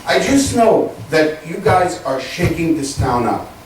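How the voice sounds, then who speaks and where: A man's voice: a little high, sing-song, measured pace. A man from Texas giving an indignant public comment at a town meeting, emphatic and full of pointed questions. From grew up in Texas. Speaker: resident speaking at a town meeting. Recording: echoey hall from far off, faint noise.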